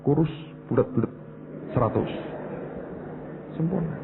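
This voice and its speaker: A middle-aged man with a Javanese accent preaching a sermon as a pastor, telling a personal story and moving between hushed asides and loud, emphatic bursts. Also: on the high side, unhurried, vocal fry. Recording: phone-like narrow sound with faint hum.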